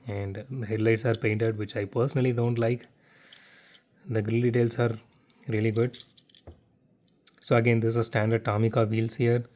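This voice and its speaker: Halting man. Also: fairly low pitch, darkish tone. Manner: halting, stuttering with restarts. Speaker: diecast model car unboxing channel host. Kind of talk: casual unboxing vlog. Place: home living room without air conditioning.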